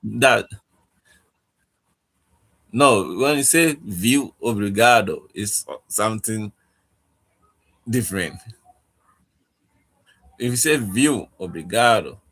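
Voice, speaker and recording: Slow gravelly guy teaching a language class, low voice, keeps asking okay?. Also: a bit bright. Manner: halting, repeats "okay?" to check understanding. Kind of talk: casual online lesson.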